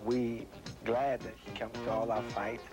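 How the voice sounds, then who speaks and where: Mid-pitched man interviewed over loud music. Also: flat delivery, unhurried. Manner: colloquial. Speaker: family member being interviewed. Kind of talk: informal documentary interview.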